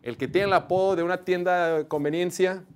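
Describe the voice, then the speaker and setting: A man with a northern Mexican accent hosting a live sports talk show, announcing in a booming, drawn-out opener style. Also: steady tone, slight background noise. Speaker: show host.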